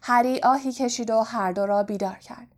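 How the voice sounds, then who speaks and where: A woman reading an audiobook in steady, even scripted narration. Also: fairly high pitch.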